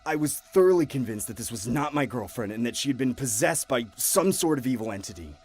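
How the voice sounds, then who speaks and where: A man's voice: medium pitch, lively intonation, fairly quick, a little mellow, husky, faint music behind. A man narrating a scripted horror story in a tense, dramatic manner.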